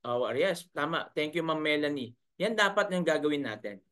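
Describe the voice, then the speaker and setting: A man's voice: fairly high pitch, animated, normal speed, a bit bright, clean tone. A man coaching online sellers in a live webinar, in a chiding manner, full of rhetorical questions. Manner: chiding, rhetorical, keeps asking "right?". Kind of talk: live webinar talk, reading viewer comments.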